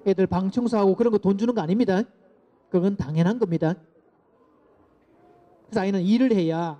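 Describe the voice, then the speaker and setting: A middle-aged man giving a lecture to parents, lively and asking the audience to repeat phrases after him. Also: high-pitched. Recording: dull lo-fi lecture recording.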